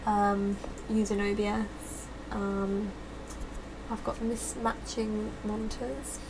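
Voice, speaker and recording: A woman's voice: mid-range voice, little pitch movement, slow, background noise. A young woman livestreamer chatting casually to viewers, sounding tipsy and a bit giggly from drink. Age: young adult. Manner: tipsy, giggly drunk talk. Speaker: live streamer. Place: small cluttered bedroom.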